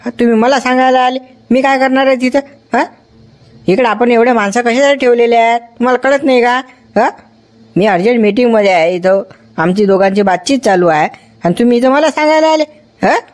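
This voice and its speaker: A man's voice: very high-pitched, fairly quick. A man playing a self-important hospital doctor in a comedy sketch, reassuring relatives and scolding staff. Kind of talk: village comedy sketch acting.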